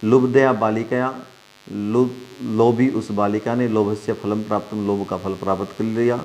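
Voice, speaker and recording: A man's voice: fairly low pitch, steady tone, normal speed, a little mellow. A male Sanskrit teacher, giving an online class, reading a lesson aloud and translating it phrase by phrase for the children. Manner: reads a line then translates it phrase by phrase; addresses students as dear children.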